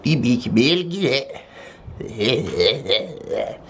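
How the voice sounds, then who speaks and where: A man's voice: mid-range voice, big pitch swings, extremely slow, noisy background. A young man vlogging casually to a handheld camera, joking and swearing in and out of doors. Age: young adult. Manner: joking, profane, talks to camera and to his dog. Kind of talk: casual vlog chat. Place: backyard and a small shed room, in and out of doors. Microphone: handheld camera at arm's length.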